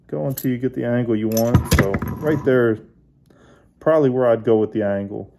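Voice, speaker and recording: A man hosting his own fishing channel, casually showing how he bends and adjusts a lure while he talks, in a relaxed hands-on way. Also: medium pitch, moderate pace, creaky, very noisy. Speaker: bass angler, channel host.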